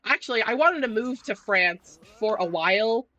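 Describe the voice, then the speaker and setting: A woman's voice: on the high side, expressive, moderate pace, pushed and bright, dull audio. A young woman streaming a game, telling stories in casual rambling chat with lots of fillers and restarts. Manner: chatty storytelling, many fillers and restarts, laughs often.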